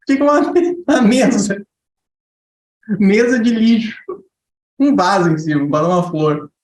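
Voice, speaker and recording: A man giving a lively spiritual talk to a group, asking rhetorical questions and briefly acting out a child and a mother. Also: high voice, a little slow, long pauses, echoey room. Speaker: spiritual teacher.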